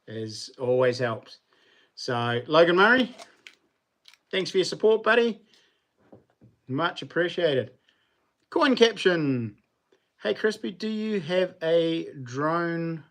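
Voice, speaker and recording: A man with a New Zealand accent hosting a livestream, talking to viewers in an informal, rambling, slangy way. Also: a little high. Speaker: livestream host. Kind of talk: casual livestream chat with viewers.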